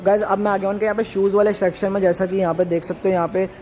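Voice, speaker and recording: A man hosting a promotional store tour to camera, pushing discounts and brands in an insistent, repetitive hard-sell pitch. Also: little pitch movement, very fast, darkish tone, a little hiss or hum. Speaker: vlog host touring a discount store. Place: inside a retail store. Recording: music playing behind the voice.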